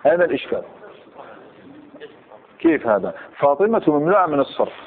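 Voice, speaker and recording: A man lectures a grammar class, questioning his students and repeating each example. His voice sits a little high and swings lively up and down. The recording is thin and phone-like, with birds cooing in the background. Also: brisk, vocal fry. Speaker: teacher of Arabic grammar.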